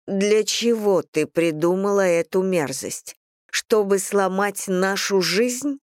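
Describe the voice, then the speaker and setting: A narrator voicing a cold, furious middle-aged mother in an audiobook, speaking slowly and deliberately with an icy hiss. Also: mid-range voice, no echo, clean studio sound, natural voice. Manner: icy, hissing, slow and deliberate. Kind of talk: audiobook character reading.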